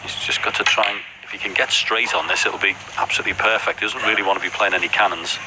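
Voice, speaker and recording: A man giving hushed, conversational snooker commentary and analysis on a live broadcast. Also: on the low side, steady tone, fast. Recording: very loud background noise.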